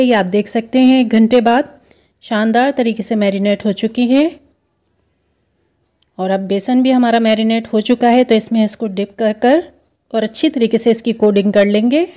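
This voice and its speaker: A woman hosting a home cooking video, explaining each step of a recipe in a steady, instructive way. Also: fairly high pitch. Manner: steady, instructive, repeats steps. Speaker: cooking show host. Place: home kitchen.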